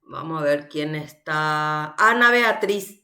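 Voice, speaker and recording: Slow, patient woman teacher. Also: deep voice, animated, pushed and bright. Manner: patient, explains step by step with checking questions. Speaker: university language teacher. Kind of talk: recorded online class.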